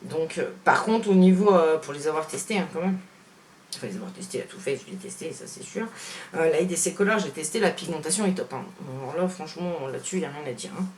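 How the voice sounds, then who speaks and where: A woman beauty vlogger comparing makeup on camera, chatting frankly with viewers and filling pauses with fillers. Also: low-pitched, animated, a little mellow, a little hiss or hum. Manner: chatty, hesitant, full of "voilà" and "hein" fillers; frank, opinionated. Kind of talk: casual product comparison vlog.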